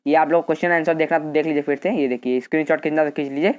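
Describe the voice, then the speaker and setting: A man, a teacher dictating English answers slowly, repeating phrases and spelling words out letter by letter. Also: fairly high pitch, steady tone, a little mellow, clear, resonant tone, highs cut off. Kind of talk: slow English dictation lesson with Hindi explanations.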